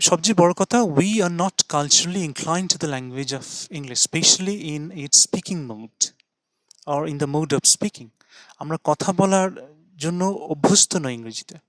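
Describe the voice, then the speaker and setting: A middle-aged man teaching English pronunciation, going over each point slowly, repeating sounds and spelling out letters. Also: on the high side, fairly bright tone, dry recording. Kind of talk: spoken lesson.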